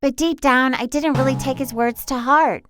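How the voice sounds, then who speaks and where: A woman's voice: sits high, fairly even intonation, moderate pace, a bit bright, soft background music. A young woman narrating her own life story in the first person, earnest and confessional. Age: young adult.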